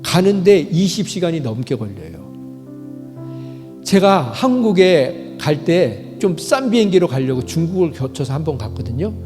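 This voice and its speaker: Impassioned high-voiced preacher in a hall. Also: male voice, sing-song, normal speed, faint music behind. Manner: impassioned preaching, swings from loud calls to quiet storytelling. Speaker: pastor. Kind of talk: sermon. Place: church sanctuary.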